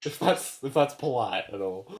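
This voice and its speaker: A man's voice: mid-range voice, animated, moderate pace. Eager man co-hosting a podcast. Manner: enthusiastic, eager questions. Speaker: podcast co-host. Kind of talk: casual interview over an internet call.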